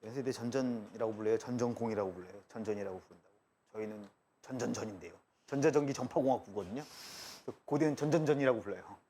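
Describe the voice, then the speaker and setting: A man's voice: fairly low pitch, fast, dark tone, slight background noise. A man teaching math in a live classroom lecture, chatty and joking, drifting between asides and explanation. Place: lecture room.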